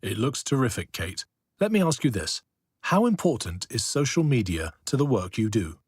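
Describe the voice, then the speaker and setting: Husky-voiced male interviewer. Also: medium pitch, big pitch swings, moderate pace, dry recording, clean studio sound. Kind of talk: scripted textbook interview.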